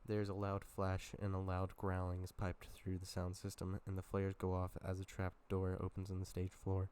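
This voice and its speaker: A man's voice: low voice, completely flat delivery, moderate pace, a little mellow, clear, resonant tone. A man with a sore throat reading a film script aloud casually, with dry asides and small stumbles. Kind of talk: casual script read-through.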